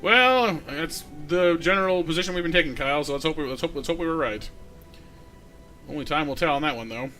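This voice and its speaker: A man's voice: a little high, fairly quick, sharp tone, soft background music. A male live streamer chatting casually, rambling and repeating himself with many fillers.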